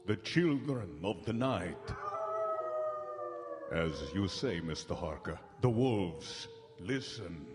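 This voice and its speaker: An actor playing a creepy vampire count with formal, ominously polite menace in a live radio horror drama. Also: male voice, low voice, animated, takes it slowly, long pauses, over loud music. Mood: sinister courtesy. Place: large hall stage, live broadcast. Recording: live theatre hall, long reverb.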